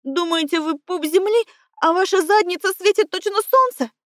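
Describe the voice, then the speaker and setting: A woman voicing a feverish young woman who sounds hoarse and indignant in an audiobook. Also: extremely high pitch, moderate pace, fairly bright tone, no room sound, studio quality, voice pushed up. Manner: indignant, rising outbursts.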